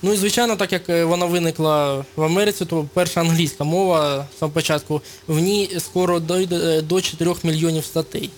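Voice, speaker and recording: A man's voice: on the high side, steady tone, fast, hardly any pauses, a little hiss or hum. A man speaking as a guest on a radio show, explaining at length with frequent hesitations and fillers. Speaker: studio guest. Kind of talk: radio interview.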